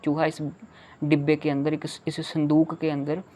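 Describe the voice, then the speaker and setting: A teacher giving a children's lesson, reading each English line of a poem slowly and explaining it in Hindi, checking in often with "okay". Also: mid-range voice, monotone, mellow, slight background noise.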